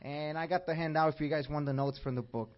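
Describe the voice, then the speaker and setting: A fast-talking man from Mexico, fairly high in pitch with fairly even intonation, runs a church class and asks the audience questions in an upbeat tone. He carries a Mexican Spanish accent, heard through a dull lo-fi recording.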